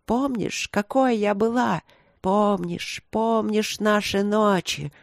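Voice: medium pitch, fairly even intonation, gravelly, no echo, clean studio sound, pitched above the performer's own voice. A reader putting on a wailing ancient priestess. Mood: taunting. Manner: pleading, wheedling, slow drawn-out wailing. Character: ancient bloodthirsty wailing old priestess woman.

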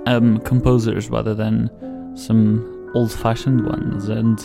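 With loud viola and piano music playing beneath him, a casual radio host, a native Portuguese speaker, rambles hesitantly and repeats words often. He takes it slowly in a lowish voice with little pitch movement and some vocal fry.

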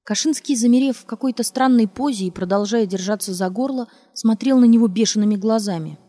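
A woman narrating a novel in a measured, even storytelling manner. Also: a little high. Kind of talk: audiobook narration.

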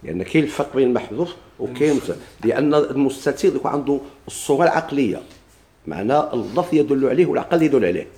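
A fast-talking man with a Moroccan Arabic accent, teaching grammar from a classical text. His voice is dark and mellow. He asks questions and answers them himself, and slows down to quote verses and examples. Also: medium pitch, animated.

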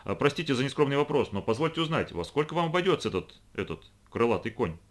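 A man's voice: mid-range voice, very animated, fast talker, pitched above the performer's own voice. Brief: male reader as a polite, cautious questioner.

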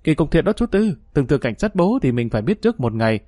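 A man's voice: fairly high pitch, very animated, fast, warm tone, no room sound. Young gambling lookout, chatty and rambling, man reading, dry sound. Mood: excited. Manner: rambling storyteller.

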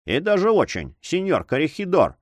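A man voicing a rough, hot-tempered sea captain who talks bluntly and mockingly. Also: on the high side, wildly swooping pitch, normal speed, no echo, pitched above the performer's own voice. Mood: brisk.

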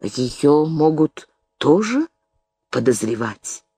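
A woman voicing a stern but anxious society lady who speaks quietly and hesitantly. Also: low voice, sing-song, slow pace, breathy edge, dry recording, clean studio sound, full character voice.

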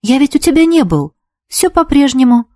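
A woman voicing a shy, earnest teenage boy in a storybook reading, speaking in a hesitant, halting way. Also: sits high, sing-song, darkish tone, no echo, clean studio sound, voice pushed up. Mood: playful.

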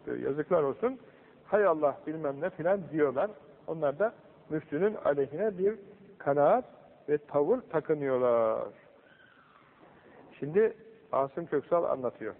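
A man giving a religious talk, telling a story with lively quoted voices. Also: on the high side. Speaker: religious teacher. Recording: old tinny recording in a hall.

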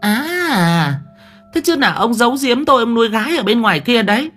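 A shrill furious wife. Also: male voice, very animated, fairly bright tone, heavily acted. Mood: jealous shrieking. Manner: shrieking, scolding, rapid. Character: shrill furious middle-aged wife, sharp-tongued. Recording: faint background music.

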